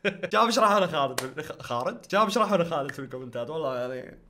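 A man's voice: on the high side, animated, rapid-fire, pushed and bright, slight background noise. A young man, hosting a casual reaction vlog in a playful way and laughing often. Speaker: YouTuber host.

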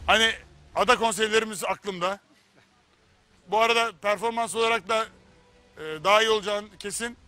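A man's voice: high-pitched, a little fast, pauses often, pushed and bright. A man hosting a reality competition show, welcoming a contestant in an upbeat, announcing manner. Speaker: show host.

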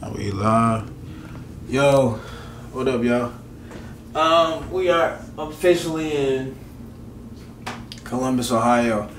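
A young man in his twenties vlogging to a camera held at arm's length. His talk is laid-back and full of slang, and his speech fillers come easily. Steady background noise sits under his voice. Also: mid-range voice, takes it slowly, pauses often, recorded from a distance. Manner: laid-back slangy talk, lots of "you know what I'm saying". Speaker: rapper vlogging a road trip. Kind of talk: casual vlog talk to camera. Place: car and hotel room.

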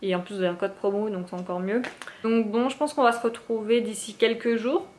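A woman's voice: medium pitch, steady tone, brisk, darkish tone, a little hiss or hum. A young woman from France chatting casually in a vlog, with lots of fillers and restarts. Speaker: vlogger.

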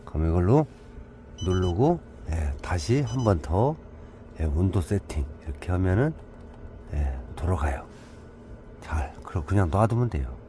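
Chatty man with a low, lively voice. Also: measured pace, long pauses, slight background noise. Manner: joking, chatty, walks through steps aloud. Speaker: camper van dealer. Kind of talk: casual hands-on product walkthrough.

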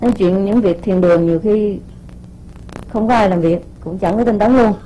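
A woman's voice: mid-range voice, moderate pace, dark tone, slight background noise, poor audio. A woman spiritual teacher giving an informal sermon to her disciples. She scolds, repeats words while searching for them, and keeps asking rhetorical questions.

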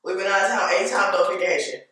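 A woman's voice: mid-range voice, fairly even intonation, rapid-fire, bright, forceful tone, recorded from a distance. A woman hosting a challenge video at a table, casually and playfully quizzing someone. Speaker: host of a challenge. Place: indoors, bare room at a dining table. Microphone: distant camera. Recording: echoey room, off-mic, faint noise.

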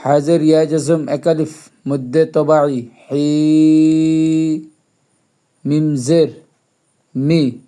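A man teaching Quran reading, spelling out each letter and vowel mark, then chanting the syllables in long drawn-out tones. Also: a little high, steady tone, mellow. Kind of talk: slow spelled-out Quran recitation lesson.

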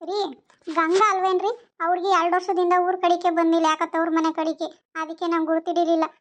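A woman's voice: very high-pitched, level tone, a little fast. A woman voicing a worried, chatty village woman in a cartoon. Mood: fretting. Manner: fretful, chatty. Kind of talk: cartoon voice acting.

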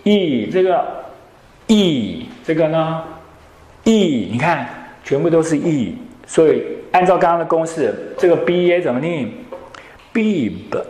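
A male English teacher, lecturing a classroom and quizzing students with quick questions. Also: a little high, very animated, a little mellow. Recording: echoey classroom.

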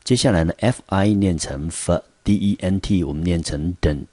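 A man with a very low, deep voice gives an online English lesson for high school students. He breaks each word into syllables and walks through the grammar slowly and methodically. The recording is close and dry, with no room sound. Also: warm tone, dry recording.

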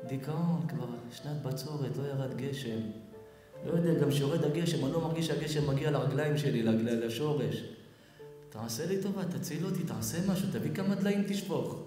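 A sad, dried-out tree moans and begs in a low, hushed, sorrowful voice, as a preacher puts it on. The soft words drift through a cavernous, echoing hall with faint music beneath. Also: male voice, lightly acted. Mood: mournful. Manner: low, quiet, mournful, pleading. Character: drooping sad old tree, dry and depressed.

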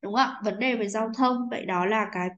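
A woman's voice: a little high, brisk, fairly bright tone, highs cut off. A woman teacher with a Vietnamese accent, patiently explaining an English textbook exercise and often checking understanding with "right?".

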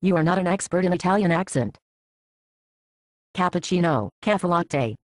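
A woman's voice: on the low side, steady tone, fast talker, no echo, natural voice. A woman with a Swedish first language playing a cat's secret agent in a home video skit, teasing and bossy. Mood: scolding. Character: female secret agent of a blogging cat.

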